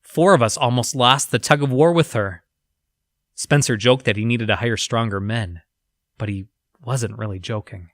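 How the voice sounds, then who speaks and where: In an audio drama, a man plays a 1960s male lab researcher reading his grim journal about unsettling experiments. His middle-pitched voice is bright and forward, reporting in a measured, clinical way with an uneasy undertone. The lightly acted performance is recorded completely dry.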